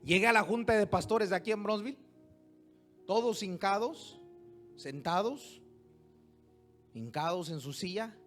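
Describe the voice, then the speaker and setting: A man preaching a sermon as pastor, moving from hushed storytelling to loud exhortation and throwing rhetorical questions at the congregation. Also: high voice, a little slow, pauses often, soft background music. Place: church service.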